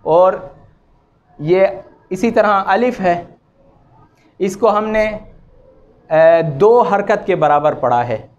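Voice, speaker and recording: A man teaching Quran recitation rules, chanting examples with long drawn-out vowels and correcting common mistakes. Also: high voice, a little mellow, lo-fi sound. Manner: draws out vowels and repeats examples slowly, then corrects. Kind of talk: slow, patient tajweed lesson with chanted examples.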